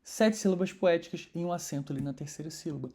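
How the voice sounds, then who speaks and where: Woman, poetry course teacher; low, dark voice, conversational delivery. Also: fast talker. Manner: conversational, explanatory, stresses syllables while scanning verses. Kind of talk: online course lesson.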